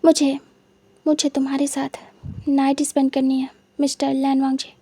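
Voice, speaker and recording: A woman's voice: high voice, monotone, moderate pace, mellow, no echo. A woman voicing a brazen young mafia boss. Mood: teasing. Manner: teasing, insistent, menacing when crossed.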